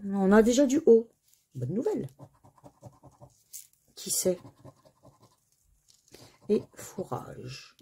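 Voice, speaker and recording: A woman's voice: mid-range voice, sing-song, drawn-out words, pauses often, dark tone, breathy edge. A woman with a French accent chatting to viewers while she scratches crossword lottery tickets and reads out letters and words.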